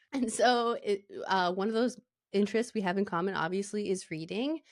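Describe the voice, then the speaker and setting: A young woman from Alberta hosts a relaxed book podcast, bubbly and talkative with plenty of ums and laughs. Her voice sits at a middling pitch. The recording is close and dry, with no room sound. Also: normal speed, no echo. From Canada, Alberta. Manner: bubbly, laughs often, chatty with filler words. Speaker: podcast host. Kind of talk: casual book-podcast interview.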